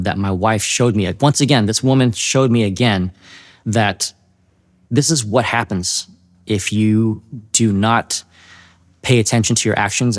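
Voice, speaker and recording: A man sharing his personal testimony in an earnest, halting way, often restarting his sentences. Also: on the low side. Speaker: testimony speaker.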